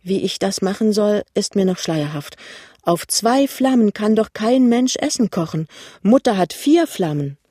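Ein Mann liest eine eifrige, praktische junge Ehefrau in einem Hörbuch, mit nachdrücklichen, steigenden Fragen. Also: male voice, sits high, animated, measured pace, mellow, no echo, clean studio sound, pitched above the performer's own voice. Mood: insistent. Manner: insistent, rising emphatic questions. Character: young woman, earnest and practical newlywed. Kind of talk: audiobook reading.

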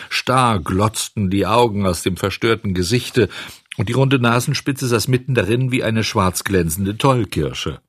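A man reading a children's storybook aloud with expressive, animated narration. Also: lowish voice, slightly rough, no room sound, clean studio sound.

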